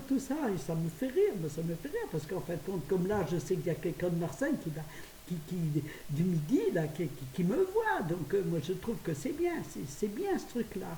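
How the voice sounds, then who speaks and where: A fairly low, mellow voice belongs to this older French vlogger, who rattles on to her phone at home and laughs at her own anecdotes. The indoor apartment recording is distant and roomy, carrying a faint hiss.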